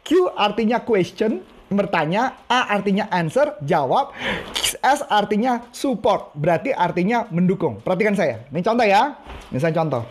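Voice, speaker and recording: A man's voice: high-pitched, sing-song, normal speed, slight background noise. A man coaching a live-streamed training session, chatty and teasing, who repeats each instruction several times. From Indonesia.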